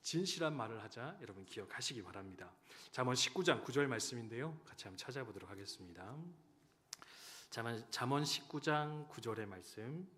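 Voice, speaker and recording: A man in his thirties, a pastor giving a sermon, who tells stories and swings between loud urging and hushed, quiet lines. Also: mid-range voice, animated, fairly quick. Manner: storytelling, swinging from loud exhortation to hushed tones. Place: church sanctuary. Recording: church hall reverb.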